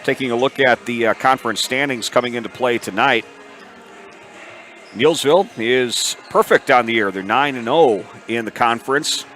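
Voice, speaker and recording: A man's voice: mid-range voice, moderate pace, a bit bright. A man giving local pregame sports commentary as a broadcast announcer. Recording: faint gym noise behind.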